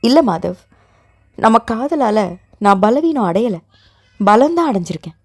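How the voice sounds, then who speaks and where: A woman's voice: on the high side, sing-song, measured pace, a little mellow, no room sound, studio quality. Woman voicing an emotional young heroine. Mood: sorrowful. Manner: pleading, emotional. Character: young woman, tearful guilt-ridden heroine.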